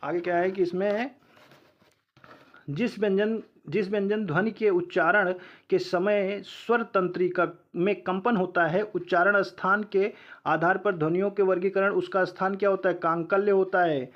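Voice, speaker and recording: A male teacher with a fairly high voice runs through an exam-prep lesson, firing off questions and answering them himself. He slows down to spell out sounds one at a time. The recording is a little dull and lo-fi. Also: steady tone. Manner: sounds out letters slowly one by one.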